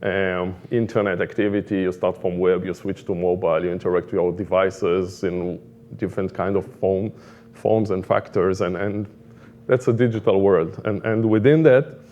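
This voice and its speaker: Deep, a little mellow and fairly even in intonation, this man's voice comes through with the highs cut off. He's a middle-aged Israeli product management director speaking casually at a conference, his accented delivery halting and repetitive, packed with fillers as he gropes for phrases.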